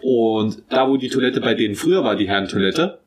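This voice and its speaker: A man's voice: animated, fairly quick. A man in his twenties co-hosting a casual podcast, telling a rambling story and acting out the people in it. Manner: rambling storyteller, acts out quotes in a higher voice; frequent restarts and self-corrections. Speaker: podcast co-host. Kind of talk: casual chat.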